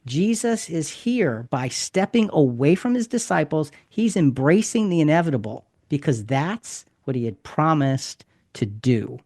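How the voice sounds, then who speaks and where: A man's voice: on the high side, sing-song, unhurried, few pauses, darkish tone, no echo. Man hosting a bible study podcast, stresses words hard, dead dry mic. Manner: emphatic, explanatory, repeats key points. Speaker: podcast host.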